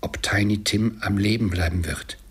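A man's voice: fairly low pitch, steady tone, moderate pace, slightly rough. A man voicing a remorseful old miser who pleads earnestly with a ghost. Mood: pleading.

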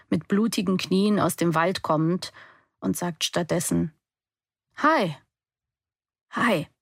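A woman's voice: lowish voice, gravelly, no room sound, clean studio sound. A young adult woman giving an intense, emotional first-person audiobook narration.

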